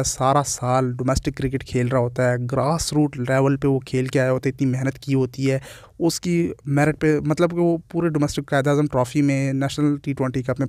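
Pakistani urdu guy doing a cricket vlog, kinda flat delivery, short clipped phrases w english words mixed in. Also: mid-range voice, dry recording, studio quality. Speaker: cricket channel host. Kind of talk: opinionated cricket commentary vlog.

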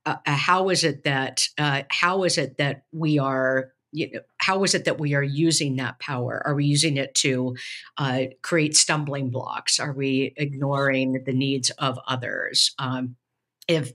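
A woman speaks from a home study over a webcam, thinking through a passage aloud in a casual discussion. Her voice is bright and forward, and she circles back often with fillers and restarts as she builds her point. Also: extremely low pitch. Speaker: podcast co-host, preaching professor. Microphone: webcam on a video call.

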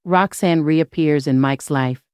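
A woman's voice: low voice, measured pace, a little mellow, clean tone, no echo. Woman reading celebrity news, dry sound. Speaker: news narrator. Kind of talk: scripted celebrity news narration.

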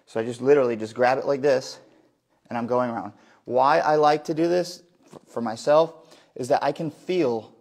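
Man demonstrating in a wood workshop. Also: medium pitch. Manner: explains while working, restarts and self-corrections. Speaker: woodworker doing a live demo. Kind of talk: hands-on live demonstration. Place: large indoor wood workshop. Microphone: phone camera a few meters away.

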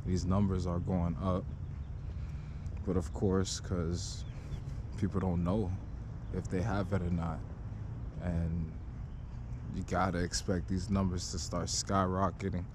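A man's voice: sits low, flat delivery, takes it slowly, pauses often. A young man talking casually while walking outdoors on a neighborhood street, holding a 360 camera on a selfie stick, in a laid-back, slangy vlog. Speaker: vlogger. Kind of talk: casual walk-and-talk vlog. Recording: outdoor recording with clear street noise.

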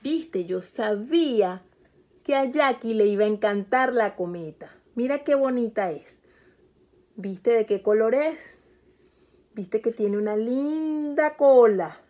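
A young donkey boy from a picture book, voiced by a woman, childlike and pleading. His voice sits a little high. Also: animated, takes it slowly, mellow. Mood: pleased.

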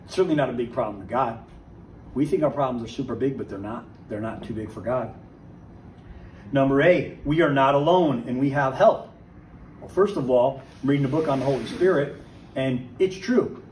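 A man giving a conversational Bible teaching to a recovery group, lively and full of rhetorical questions. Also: mid-range voice, normal speed. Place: church meeting room. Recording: echoey church room, distant mic, faint hiss.

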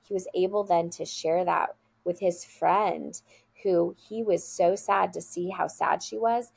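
A woman's voice: on the low side, fairly even intonation, measured pace, creaky, a little mellow, breathy edge, dry recording. A woman guest telling heartfelt stories about her school in a casual interview over a video call. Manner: earnest, heartfelt storytelling.

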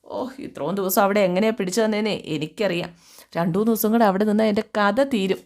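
A woman's voice: medium pitch, fairly quick, a little mellow, close to an everyday voice. A woman voicing an easily angered middle-aged mother-in-law who complains indignantly.

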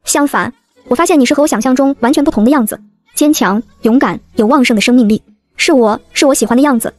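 A woman voicing a remorseful rich young man who speaks softly and hesitantly. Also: high voice, quick pace. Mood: tender. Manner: soft, hesitant confession.

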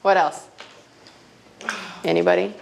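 A woman's voice: lowish voice, level tone, takes it slowly, gravelly, a little mellow. A woman in her thirties teaching a classroom money workshop, telling stories and checking in with "okay?" again and again. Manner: storytelling, checks in with frequent "okay?". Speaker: financial literacy trainer.

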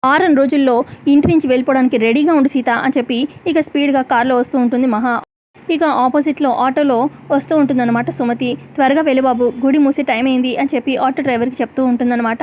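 A woman narrating a TV serial recap in a rapid, chatty storytelling way with repeated fillers. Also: high voice, steady tone, darkish tone, slight background noise.

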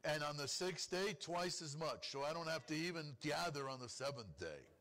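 A man preaches to his congregation as their rabbi. His voice sits a little high. He fires off rhetorical questions and slips into pleading, complaining prayers to make his point. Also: expressive, moderate pace, fairly bright tone. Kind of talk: sermon. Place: congregation hall.

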